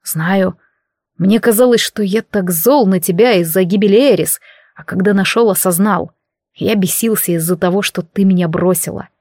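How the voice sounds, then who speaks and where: A woman's voice: medium pitch, moderate pace, darkish tone, dry recording, studio quality, lightly acted. Woman voicing a teasing, possessive ancient warlock king. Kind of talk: audiobook character reading.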